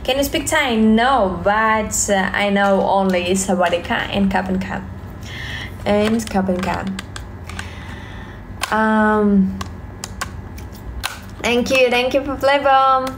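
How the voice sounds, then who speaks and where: A young woman from Russia with a Russian accent, livestreaming from her phone at home, reading viewer questions and answering in slow, halting English full of fillers and repeated thanks. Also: mid-range voice, slight background noise. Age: young adult. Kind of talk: live stream chat reading viewer comments. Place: home, indoors, small room. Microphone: phone at arm's length.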